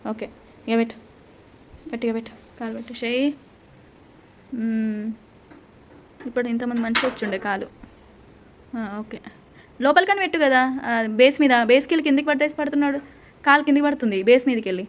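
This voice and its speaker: In a casual home video, a mother guides her children through a clay craft, coaxing and instructing them with quick questions. Her voice is a little high, and there's a slight hiss or hum in the recording.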